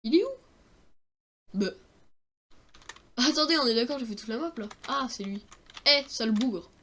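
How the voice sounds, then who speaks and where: A man's voice: very high-pitched, expressive, moderate pace, pushed and bright, a little hiss or hum. A young man giving joking, self-mocking commentary while playing a video game, talking to his viewers. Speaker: gaming streamer. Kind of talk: let's-play commentary.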